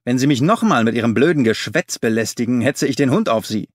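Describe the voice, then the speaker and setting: A man voicing an angry male market dealer who shouts and blusters at a pest, in an audiobook reading. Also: a little high, unhurried, no room sound, clean studio sound, pitched above the performer's own voice, natural voice. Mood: furious. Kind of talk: audiobook character voice.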